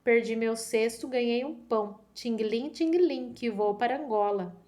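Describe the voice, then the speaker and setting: A Brazilian woman voicing a cheeky, greedy male monkey from a folk tale, chanting in a higher singsong. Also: unhurried, darkish tone, natural voice. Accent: Brazilian Portuguese.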